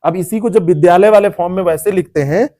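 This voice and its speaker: A man's voice: high voice, fast, dark tone. A man teaching a classroom lecture, explaining word meanings, repeating terms and quizzing students by name. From India.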